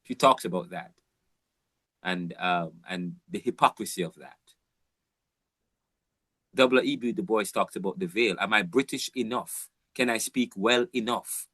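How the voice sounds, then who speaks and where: A man's voice: fairly low pitch, a little slow, long pauses, fairly bright tone, no room sound. A man from Jamaica, giving an informal, rambling university lecture with emphatic repeats and frequent restarts.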